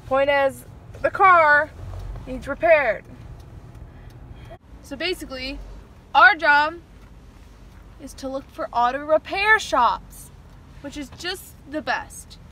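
High, bright, and forceful, this young woman's voice comes from inside a car as she vlogs into a phone held at arm's length. She talks casually, full of fillers and exasperation, with car noise in the background.

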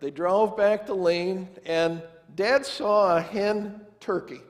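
Standing before the altar in a big church sanctuary, an older pastor speaks slowly in a high voice with fairly even intonation. His sermon is a folksy, conversational family story in which he performs the characters' lines, all wrapped in long church reverb.

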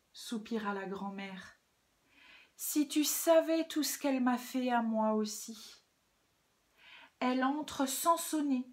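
A gentle, sly old grandmother from a children's storybook, voiced by a woman in a soft, soothing tone and a high register. She takes her time with each phrase.

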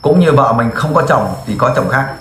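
A man's voice: medium pitch, lively intonation, normal speed, reverberant, crowd noise. A man in the field interviewing a family, asking direct, coaxing questions. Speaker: volunteer interviewer.

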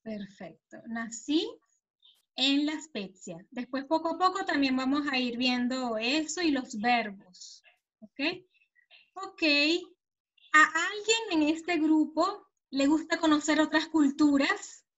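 A woman teaching a language class over a video call, asking her students questions slowly and patiently. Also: sits high, animated, fairly bright tone, dull audio. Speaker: Spanish teacher. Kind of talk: online language lesson.

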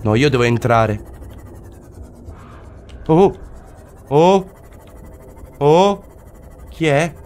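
A man's voice: fairly high pitch, animated, drawn-out words, pauses often, a little mellow. A man commentating his own video game play, exclaiming and repeating short phrases over and over. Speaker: gaming commentator.

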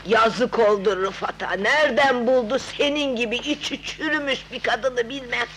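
A woman's voice: a little high, moderate pace, a little hiss or hum, lightly acted, poor audio. A woman playing a spiteful scolding aunt. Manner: sharp, scornful, nagging. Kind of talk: 1970s dubbed film acting.

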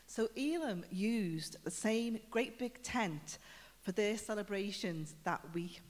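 A woman's voice: medium pitch, animated, takes it slowly. Woman preaching in an echoing church. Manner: chatty storytelling with questions to the congregation. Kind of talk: conversational sermon. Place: church building. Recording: reverberant church hall.

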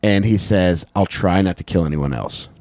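Speaking at a normal pace, a man with a deep, darkish voice co-hosts an American comedy podcast full of swearing and crude humor. He holds a handheld mic close in a small wood-panelled indoor room, and no room sound comes through.

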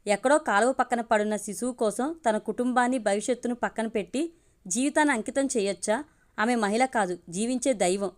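A woman storyteller reading a family story aloud in a steady, measured way. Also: a little high. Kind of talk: audiobook story narration.

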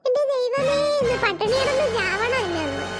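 A woman's voice: very high-pitched, expressive, normal speed, soft background music. Woman doing a nagging granny. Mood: whiny. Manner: nagging, sing-song scolding. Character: fussy scolding old grandmother, always hungry.

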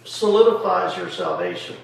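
A man's voice: high-pitched, wildly swooping pitch, normal speed, creaky. A male pastor teaching a Bible study at home with emphatic rhetorical questions, recorded in an echoey room from a distance. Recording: echoey room from far off, faint noise.

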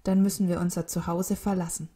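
A woman's voice: on the low side, flat delivery, fairly quick, warm tone, natural voice. A woman voicing a worried male albatross, a weary flock leader who pleads in a raised, strained voice in a storybook reading. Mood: desperate. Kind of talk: storybook read-aloud.

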